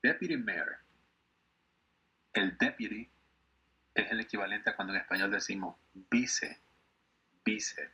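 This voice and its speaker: A man from Ecuador, teaching an online class and patiently repeating words slowly for his students. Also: fairly low pitch, sharp tone, husky, lo-fi sound. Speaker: English teacher.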